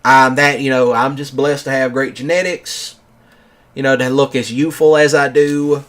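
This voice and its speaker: Brief: male vlogger, 30s, mid-pitched, casual and rambling, leans on "you know" constantly. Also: little pitch movement, moderate pace, a bit bright. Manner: rambling, filler-heavy with many "you know"s. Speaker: gaming channel host. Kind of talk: casual storytelling monologue.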